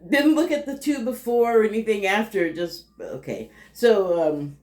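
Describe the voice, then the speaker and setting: A woman's voice: mid-range voice, normal speed, darkish tone. A woman talks through a TV episode in a loose, rambling way, laughing often between thoughts. Her voice sits in a middling register, and the recording carries a noticeable roomy echo. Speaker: TV critic. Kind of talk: casual TV review monologue.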